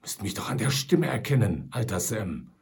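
A man voicing a calm, resolute male frontier hero who gives hushed, terse commands. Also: fairly low pitch, moderate pace, gravelly. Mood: hushed, urgent.

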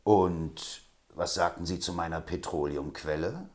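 A man's voice: low-pitched, measured pace. A man reading aloud, voicing an agitated male swindler who exclaims and schemes in a storybook. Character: scheming male swindler, middle-aged, excitable.

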